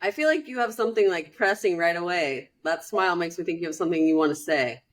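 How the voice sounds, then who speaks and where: Female co-host, sympathetic and inquisitive, lower-pitched voice, relaxed chat. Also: quick pace. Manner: curious, sympathetic, asks questions. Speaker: podcast co-host. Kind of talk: casual podcast chat.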